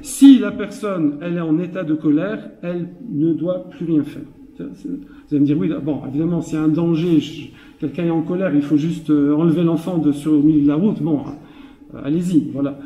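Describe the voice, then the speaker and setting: A man's voice: fairly high pitch, fairly even intonation, a little fast, warm tone, muffled recording. A man giving an informal Torah class as a storytelling rabbi, who repeats words for emphasis and chuckles often. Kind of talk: informal Torah lecture with anecdotes. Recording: echoey hall, heard from a distance.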